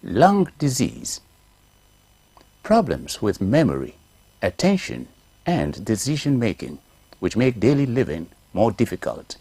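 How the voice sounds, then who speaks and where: Male documentary narrator, husky tone, lively emphatic read, dry close voice-over. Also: lowish voice, unhurried, long pauses, no echo. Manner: lively, emphatic reading of lists. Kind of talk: scripted narration.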